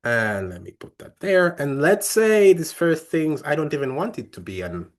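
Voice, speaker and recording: A man's voice: on the high side, very animated, normal speed. A young man leading a coding workshop, explaining each step in a friendly way with many fillers and restarts. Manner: friendly, talks through steps with frequent fillers and restarts. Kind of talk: live coding tutorial.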